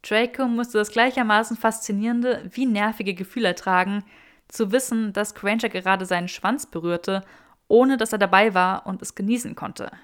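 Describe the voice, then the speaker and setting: Woman narrator, audiobook story reading, steady, expressive, mid-pitched. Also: normal speed.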